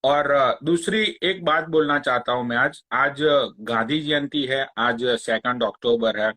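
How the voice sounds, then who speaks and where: A man, ranting on a phone live stream in a slow, crude, mocking way. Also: mid-range voice, sharp tone. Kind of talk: angry rant on a live stream.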